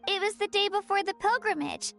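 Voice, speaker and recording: A woman's voice: extremely high pitch, a little fast, gravelly, fairly bright tone, exaggerated voice. A sweet eager young girl. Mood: earnest. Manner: sweet, encouraging, a little shy. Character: cheerful young girl companion, earnest and eager. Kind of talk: game character dialogue. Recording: game dialogue under background music.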